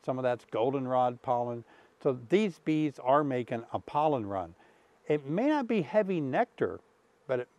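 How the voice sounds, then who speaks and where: Out by the hives, a sixty-something beekeeper explains things in a relaxed, friendly casual vlog, filling gaps with ums and the like. His mid-range voice is a little mellow, and the lapel-mic recording is dry.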